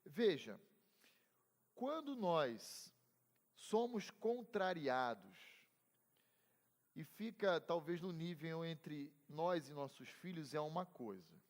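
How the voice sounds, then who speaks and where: A man's voice: a little high, lively intonation, takes it slowly, pauses often, a little mellow. A middle-aged Brazilian man, a pastor teaching a Bible class conversationally, telling personal stories with humor and asking the class questions. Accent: Brazilian Portuguese. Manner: conversational, asks the class questions and calls on members. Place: church hall. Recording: reverberant church hall.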